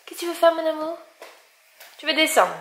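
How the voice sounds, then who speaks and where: A mother narrating a casual family vlog at home, talking softly and patiently to her toddlers as she shows them things. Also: sits high, lively intonation, a little fast. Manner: soft, patient, coaxing talk to toddlers. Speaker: mother filming her young children. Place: home room with a children's play table. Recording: echoey room, household noise.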